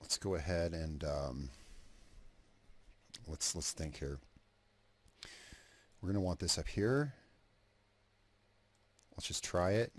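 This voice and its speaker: Cigarette in mouth, a man talks through a video edit as he works, a casual commentary over his screen recording. He thinks aloud, trails off, restarts, and swears offhandedly, speaking slowly and animatedly in a low voice with frequent pauses.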